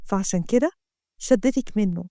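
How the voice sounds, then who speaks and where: A woman's voice: mid-range voice, moderate pace, warm tone, no echo, studio quality, lightly acted. A woman voicing an arrogant, jealous rich young man, speaking with an Egyptian accent in a harsh, commanding way. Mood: defensive.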